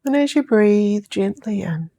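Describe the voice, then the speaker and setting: Guiding listeners toward sleep through hypnosis, a New Zealand woman speaks in long, calm, unhurried phrases that sometimes fall to a whisper. Her mid-range voice is mellow, with lively intonation and some vocal fry.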